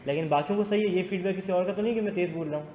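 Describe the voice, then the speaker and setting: A man teaching a business law class in a classroom. He talks fast, teases students and mixes English into his speech. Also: high-pitched, warm tone. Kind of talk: classroom lecture. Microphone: not using the class mic. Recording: echoey classroom with long reverb and faint noise.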